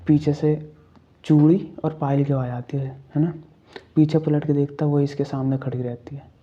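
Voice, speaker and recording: Male horror storyteller, casual and chatty with viewers; flat, husky delivery. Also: a little high, moderate pace, highs cut off. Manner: chatty, addresses viewers, checks in with fillers. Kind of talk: casual spoken horror narration.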